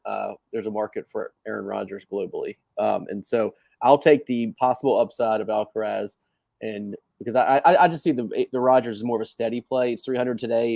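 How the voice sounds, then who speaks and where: A man with a mellow, relaxed voice at a middle pitch reasons aloud on a casual podcast panel. He is a little hesitant, and the recording is dry. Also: gravelly, dry recording. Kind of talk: casual explanation.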